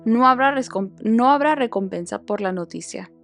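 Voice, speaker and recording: A woman's voice: on the high side, animated, normal speed, soft background music. A woman reading the lines of a stern, blunt male army commander in a matter-of-fact voice.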